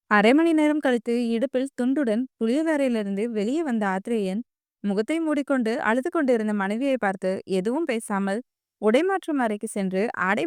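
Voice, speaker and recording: A woman reading an audio novel aloud in steady, even scripted narration. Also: a little high, smooth, dry recording, studio quality. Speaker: storyteller.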